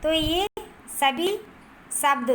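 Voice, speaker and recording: A woman teacher giving a grammar lesson to first graders, repeating each word and answer slowly so they can write it down. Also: high voice, fairly bright tone, slight background noise.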